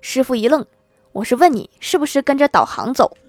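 She has a somewhat high, bright-pitched voice and reels off funny little stories one after another. Her tone stays playful, with wry asides to her listeners. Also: animated, a little fast, background noise. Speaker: comedic storyteller. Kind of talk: reading out funny anecdotes.

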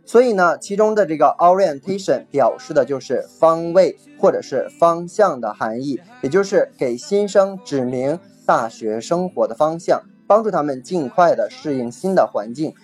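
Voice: medium pitch, expressive, darkish tone, husky, soft background music. Patient teacher spelling English words aloud. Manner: spells words letter by letter, slow and deliberate; explains patiently, repeats key words twice. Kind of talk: recorded vocabulary lesson.

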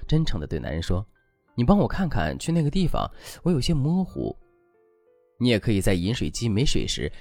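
A man's voice: lowish voice, creaky, darkish tone, no echo. A man giving dating advice as a scripted, instructive lesson.

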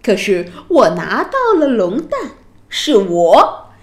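A woman's voice: sits high, wildly swooping pitch, a little slow, dark tone, echoey room, pitched above the performer's own voice, exaggerated voice. A woman doing a cheeky disguised princess. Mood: boastful. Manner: boastful, teasing. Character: young princess disguised as a boy, bold and cheeky.

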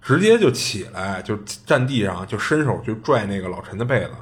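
Low-voiced man telling a ghost story. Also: lively intonation, brisk. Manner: chatty, colloquial, with many filler restarts. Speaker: podcast host.

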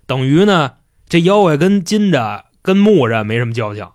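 A male podcast host retells a classic story in slangy, casual chat and swears now and then. His pitch swings widely as he talks. The sound is dry and close to the mic. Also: very animated, moderate pace, no room sound.

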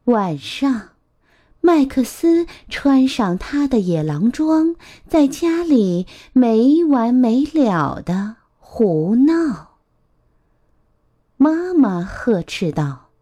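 A woman storyteller reading a picture book aloud to children, gentle and expressive. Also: fairly high pitch. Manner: gentle, expressive, drawn-out phrasing.

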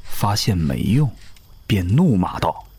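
A man narrates an audio drama in a steady storytelling voice. His tone is low and husky, and his intonation moves lively between phrases. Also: slow pace.

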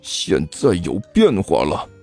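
A man voicing a vengeful, menacing rich schoolboy who speaks in slow, low threats. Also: huge pitch swings, darkish tone, slightly rough, soft background music, exaggerated voice.

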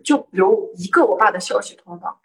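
A young woman from Guangzhou talks in a relaxed, chatty way, slipping into sharp, indignant voices whenever she quotes the people in her story. Her voice sits at an ordinary pitch for a woman. The microphone is set some distance from her. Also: normal speed, a little hiss or hum. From Guangzhou, southern China. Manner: animated, acts out quoted arguments with rising indignation. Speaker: guest telling a personal story. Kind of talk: casual storytelling chat. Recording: voice picked up from a distance.

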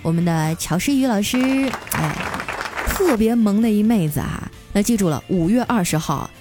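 A woman podcast host telling comic stories in a lively, playful way. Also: medium pitch, over music, crowd noise. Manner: lively, playful with frequent drawn-out particles. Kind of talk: comic storytelling.

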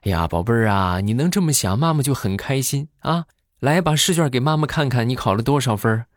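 A fond young mother coos at her little one in a sweet, coaxing tone, as a man puts her on. The voice sits higher than his usual talk and moves in a lively way. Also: brisk, no room sound, studio quality, natural voice. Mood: doting.

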